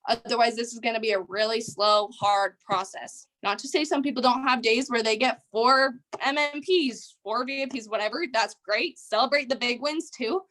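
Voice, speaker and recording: A woman's voice: a little high, normal speed, hardly any pauses, fairly bright tone. A young woman leading a team training call, giving a casual motivational talk with a chatty, rambling way of speaking full of "like" and "um". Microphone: video call.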